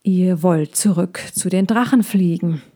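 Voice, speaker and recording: A woman's voice: fairly low pitch, unhurried, dark tone. A woman doing a small earnest plover bird. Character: small timid but brave male plover bird.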